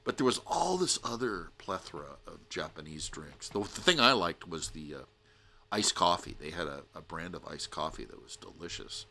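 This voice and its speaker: A middle-aged American man telling a rambling personal story on a podcast, animated and full of restarts. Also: deep voice, normal speed. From United States. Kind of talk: casual storytelling monologue.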